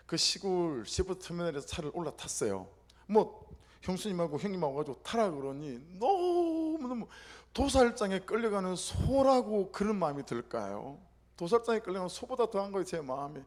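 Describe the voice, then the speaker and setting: Middle-aged pastor guy telling a story in his sermon, voice jumps all over, bit husky. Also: high-pitched, normal speed. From South Korea, Gyeongsang region. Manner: animated storytelling with acted-out quotes.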